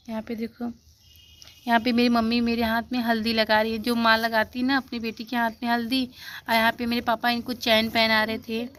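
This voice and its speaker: A woman's voice: on the high side, slight background noise. A young woman chats casually at home while walking through a photo album. She explains each step with lots of fillers. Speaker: vlogger.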